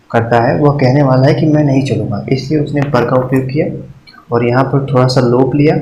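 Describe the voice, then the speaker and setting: A male teacher giving an exam-prep grammar lesson, patient and repetitive, slowly counting and checking aloud with the class. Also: fairly high pitch, darkish tone. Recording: echoey room with faint hiss.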